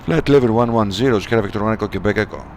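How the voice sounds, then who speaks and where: A man flying a simulator as a pilot, speaking on a cockpit headset mic in clipped, rapid aviation phraseology with cockpit callouts and radio calls. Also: fairly low pitch. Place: home flight simulator setup. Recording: steady background hum.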